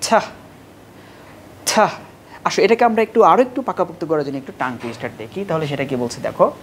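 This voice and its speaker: A woman's voice: low voice, lively intonation, a little hiss or hum. Woman teaching pronunciation drills. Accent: Bangladeshi. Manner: slow drilled repetitions, addressing students directly. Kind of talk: pronunciation lesson.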